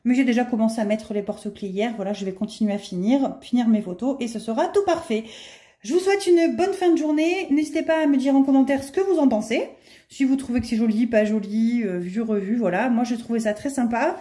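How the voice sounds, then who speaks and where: A woman's voice: on the high side, brisk, mellow. A middle-aged woman chatting casually to camera, enthusiastic and full of fillers as she shows off handmade products. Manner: enthusiastic, many fillers and repeats. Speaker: vlogger showing handmade products.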